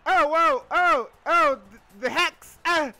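Excitable man gamer, very high-pitched, bursting into shouts. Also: takes it slowly, faint music behind. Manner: playful silly sound-making and chanting. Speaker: gamer playing a video game. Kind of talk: excited gameplay commentary, casual.

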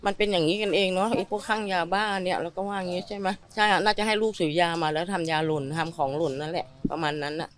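A middle-aged woman who saw the events, telling a reporter in a fast, agitated way. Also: lowish voice. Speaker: eyewitness neighbor. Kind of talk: news interview testimony.

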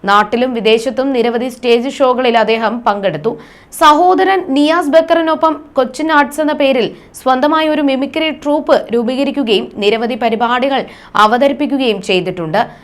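Woman reading news off a script, high voice, steady and formal. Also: normal speed. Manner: formal and even-paced reading. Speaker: news presenter.

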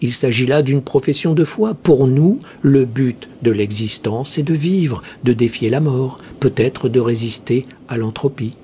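A man voicing a cheerfully cunning male heretic priest, speaking slowly in a smooth, almost chanting way. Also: mid-range voice, mellow, a little hiss or hum, close to an everyday voice. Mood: sly. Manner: slow, smooth, chanting delivery.

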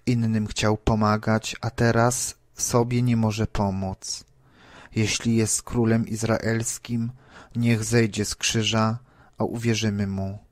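Jeering mob voice, scornful and loud, a man reading it, steady and flat. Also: lowish voice, slow, dry recording, studio quality. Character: mocking crowd of men, scornful.

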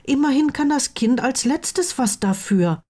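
A woman reading aloud gives an earnest blond teenage wizard boy who keeps pleading with his friend, pitched well up and lively. The tone stays mellow and warm, with a soft storybook delivery. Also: a little slow. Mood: urging. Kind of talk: audiobook reading of fan fiction.

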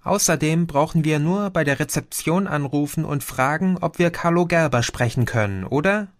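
A chatty, cheeky young woman, read by a male audiobook narrator who lifts his voice for her. She talks brightly and tosses in questioning tags at the ends of her lines. The recording is dry and close. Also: fairly high pitch, moderate pace, dry recording, pitched above the performer's own voice, natural voice. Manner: lively, often ends with a questioning "oder?".

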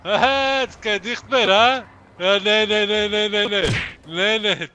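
A man's voice: high-pitched, slow, pushed and bright, a little hiss or hum. A man in a game role-play chat, blunt and mocking, laughing often and speaking in broken grammar. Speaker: fellow role-play player.

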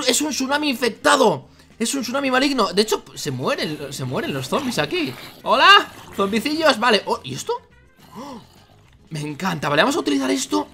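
A man from Spain with a Spanish accent and a sore throat, giving excitable Minecraft let's play commentary, often exclaiming and repeating himself. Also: high voice. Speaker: gaming youtuber.

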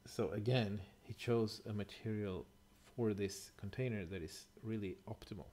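A middle-aged man with a fairly low voice talks through a topic in a relaxed, explanatory way. His tone is mellow and unhurried, and he pauses to rethink or correct himself as he goes. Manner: thoughtful, hesitant, with fillers and self-corrections. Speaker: bushcraft presenter. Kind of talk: casual explanatory voice-over over slides.

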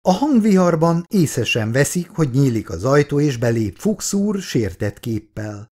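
A man narrating an audiobook in a lively, theatrical way. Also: medium pitch, husky. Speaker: audiobook reader.

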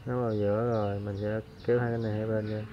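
A fishing channel host gives a casual, hands-on tutorial at a table, counting aloud in a relaxed, flat, even voice that is lowish and fast. His body-worn camera mic makes the sound dull and lo-fi, with background noise and faint roosters and birds crowing.

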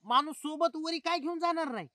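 A preachy young village man, acted by a woman, in a comedy skit. His voice is bright and fairly high, and it sounds dry and close. He muses at length in a drawn-out way. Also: no echo. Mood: musing.

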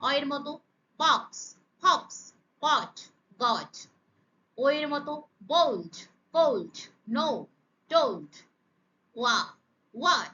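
A woman teaches pronunciation in a high, bright voice. She spells out sounds one at a time, slow and emphatic. The recording is slightly muffled and lo-fi. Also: sing-song. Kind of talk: slow, deliberate pronunciation lesson.

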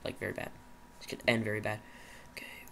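A man's voice: on the low side, completely flat delivery, brisk, creaky, fairly bright tone, a little hiss or hum. A nervous young man rambling to himself while commentating a survival game he is playing. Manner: jittery, rambling, talks to himself. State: nervous, shaky. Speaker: gaming channel host. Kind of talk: Minecraft commentary.

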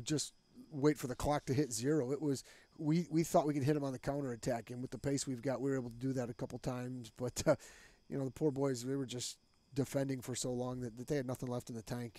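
In a small studio with a green backdrop, a middle-aged head soccer coach answers postgame questions openly and conversationally, using plenty of fillers over a headset mic. His mid-range voice is a little mellow, with no echo.

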